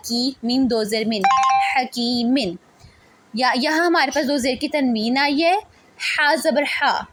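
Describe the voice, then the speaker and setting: Patient woman teaching recitation syllable by syllable. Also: sits high. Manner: patient, spells out letters and syllables slowly. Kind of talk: step-by-step tajweed lesson.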